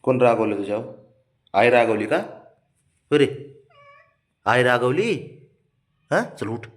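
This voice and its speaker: A man at home coaxing and teasing his pet cat in a lively sing-song way. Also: mid-range voice, takes it slowly. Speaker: cat owner talking to his cat. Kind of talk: casual chat with a pet.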